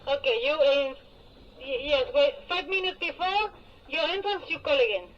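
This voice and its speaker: A woman's voice: sits high, normal speed. A woman working as a marina radio operator, heard over a marine VHF radio, giving brief, clipped instructions. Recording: muffled radio speaker with faint hiss.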